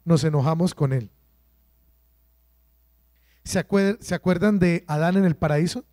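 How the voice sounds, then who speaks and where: Priest, high voice, dry recording, emphatic sermon full of questions to the flock. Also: male voice, darkish tone, no room sound. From Colombia. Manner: emphatic preaching with rhetorical questions and slow drawn-out stresses. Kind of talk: sermon at a prayer workshop.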